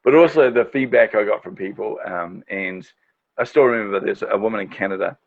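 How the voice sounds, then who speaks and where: A middle-aged man with a gravelly, low voice tells stories in a casual interview, enthusiastic and chatty, with plenty of fillers. He speaks as a marketing strategist and podcast host. The audio is dull and lo-fi. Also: a little fast.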